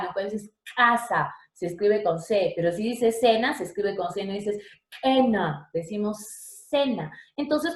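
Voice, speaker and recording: A woman teacher giving a lesson, chatty and checking in with her students often. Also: medium pitch. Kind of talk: online language lesson. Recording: roomy echo.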